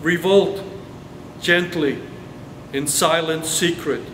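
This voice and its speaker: A man from Brazil reading his own poetry aloud in a slow, measured recital. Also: on the high side, steady tone, a bit bright. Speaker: poet. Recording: echoey hall with air-conditioning hum.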